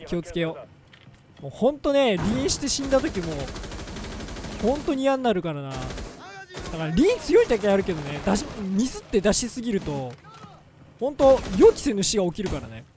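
A man doing casual let's-play game commentary, jokey and excitable, breaking into loud yelps during fights. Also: high-pitched, brisk, pauses often. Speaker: gaming commentator.

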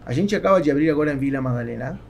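A gravelly businessman speaks Portuguese with a Spanish accent as a guest on a podcast, chatting casually in a halting way with repeated words. His pitch is fairly high, his tone darkish, and he sounds animated. He is close to a boom-arm studio mic in a small foam-padded studio, with faint background noise.

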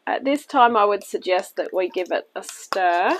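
An animated New Zealand woman with a mid-range voice explains a recipe step by step at a moderate pace during her home cooking show. She's chatty and reassuring but still a little weak, coughing now and then, and the poor audio has slight background noise from her kitchen table.

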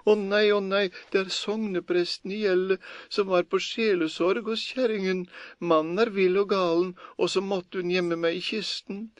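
A man voicing a frightened parish priest who begs in a shrill, panicky voice. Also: steady tone, no room sound, dull audio, lightly acted. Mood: begging. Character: frightened middle-aged male parish priest, pleading.

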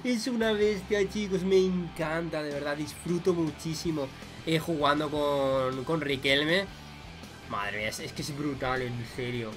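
A young man with a Spain Spanish accent giving excited gameplay commentary as a gaming YouTuber, swinging between muttered remarks and loud shouts. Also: on the high side, a little slow, over music.

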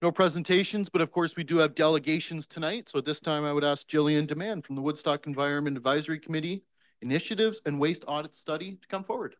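A man with a slightly high voice chairs a council meeting in a brisk, polite, procedural way. He speaks into a desk microphone, and the sound is dry and close with little room echo. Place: council chamber.

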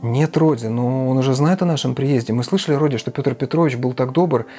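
A man's voice: medium pitch, a little fast, warm tone, faint music behind, natural voice. A man voicing a timid, frightened middle-aged mother who pleads anxiously. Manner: pleading, fearful.

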